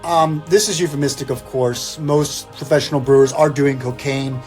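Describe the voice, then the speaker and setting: Instrumental Christmas music plays as a man recites a comedic poem with theatrical flair, interrupting himself for wry, irreverent asides. He's a guest reader whose mid-range voice is steady in tone, a little mellow, and paced moderately.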